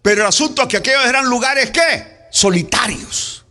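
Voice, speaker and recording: A pastor with a Salvadoran accent preaching in church, dramatic, acting out scenes and shouting cries. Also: male voice, very high voice, expressive, moderate pace. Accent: Salvadoran Spanish. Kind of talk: sermon. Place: church sanctuary.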